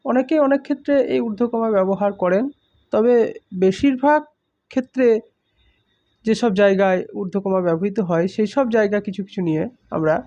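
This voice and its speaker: High-pitched man teaching grammar. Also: dark tone. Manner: explains slowly with examples, stressing key words. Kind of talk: spoken grammar lesson. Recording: muffled lo-fi recording.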